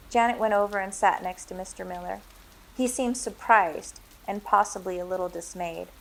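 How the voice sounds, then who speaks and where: Woman narrating a dark story, slightly gravelly. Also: mid-range voice, slight background noise. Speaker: author reading her book. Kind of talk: storybook reading.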